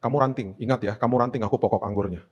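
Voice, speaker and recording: A man's voice: medium pitch, rapid-fire, muffled recording. A middle-aged man preaching a sermon as a pastor, telling stories with humorous asides. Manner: animated storytelling with humorous asides.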